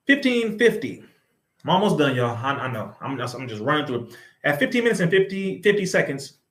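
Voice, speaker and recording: Young male commentator, preachy and impassioned, talks straight at his audience; slightly high voice, echoey room sound. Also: sing-song, fairly quick, a bit bright. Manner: impassioned, preachy, addresses listeners as y'all. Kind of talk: reaction commentary on a video.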